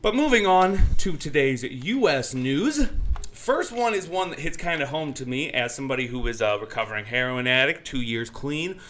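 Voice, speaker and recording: A male podcast co-host with a bright, ringing voice at a middle pitch. He talks loosely and casually, wandering through his points with plenty of fillers. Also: expressive, moderate pace, slight background noise. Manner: loose, rambling, many fillers. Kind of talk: casual news chat.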